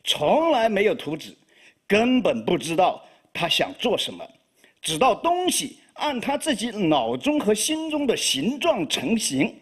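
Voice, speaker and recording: Reading his poetry live, this Chinese-accented man, a native Chinese speaker, stumbles along with plenty of fillers. He has a high, slightly rough voice that swings widely in pitch.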